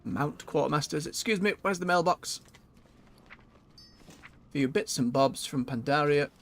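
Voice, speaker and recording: A man's voice: on the high side, unhurried, a little hiss or hum. A man giving casual gameplay commentary as a streamer, chatty and muttering to himself as he goes. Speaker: video game streamer.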